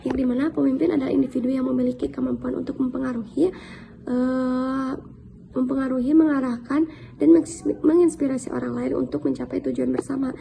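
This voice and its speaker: Fast, gravelly, dark-voiced young woman. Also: high-pitched, fairly even intonation, slight background noise. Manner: quick, slightly stumbling reading of points. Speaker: student presenter. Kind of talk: training module presentation.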